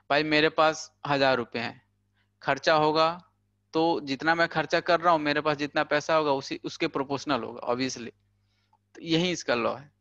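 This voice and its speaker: A man's voice: on the high side, fairly bright tone, no echo, highs cut off. A young man teaching physics in a casual lecture, chatty and full of filler words, using everyday money examples. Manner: chatty, peppers talk with "thik hai" and "bhai". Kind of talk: casual Hindi lecture for exam prep.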